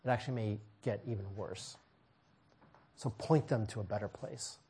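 Husky-voiced man preaching with pleading emphasis. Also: on the low side, normal speed, dark tone. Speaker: pastor. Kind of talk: sermon.

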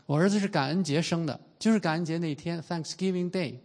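A man in his fifties, from China, delivers an earnest sermon in a voice a little higher than most men's. He slows right down and draws out the key phrases. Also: darkish tone. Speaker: pastor.

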